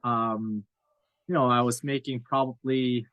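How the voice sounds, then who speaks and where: A man's voice: mid-range voice, fairly even intonation, a little slow, no echo, highs cut off. Man, 30s, from Cape Breton; podcast guest, candid, meandering, self-deprecating, dry close sound. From Cape Breton Island, Nova Scotia, Canada. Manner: candid, rambling, self-deprecating with frequent fillers. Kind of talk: casual interview chat.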